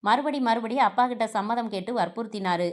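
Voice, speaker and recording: A woman's voice: on the high side, a little fast. A woman narrating a family novel aloud, reading every character's lines in her own voice with small shifts.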